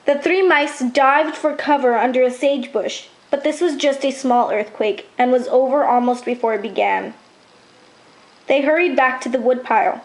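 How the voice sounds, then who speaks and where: Brief: woman narrator, high pitch, calm storybook reading. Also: normal speed, poor audio.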